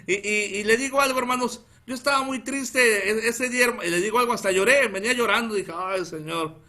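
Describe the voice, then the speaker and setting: A man's voice: very high voice, fast talker, few pauses. A man in his thirties with a northern Mexican accent, preaching a sermon as a pastor and telling a personal story with animation. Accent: northern Mexican Spanish. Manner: animated, keeps calling out "hermanos", laughs at his own story.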